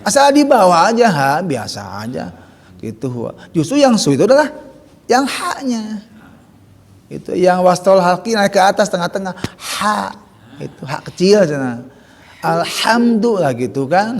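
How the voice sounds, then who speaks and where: High-voiced male Quran teacher, long reverb. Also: sing-song, normal speed, gravelly. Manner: drills letter sounds in chanted syllables. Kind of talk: Quran recitation lesson.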